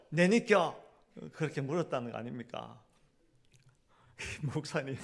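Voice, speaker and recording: Male pastor, middle-aged, church sermon, lively swooping pitch, hushed storytelling to loud emphasis. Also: vocal fry. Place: church sanctuary.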